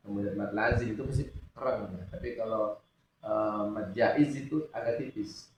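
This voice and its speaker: A man teaching Quran recitation in a relaxed religious lesson, often asking questions for his students to answer. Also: lowish voice, normal speed, a little hiss or hum. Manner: asks students questions and lets them answer. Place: mosque study hall. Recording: echoey room, distant mic, dull sound.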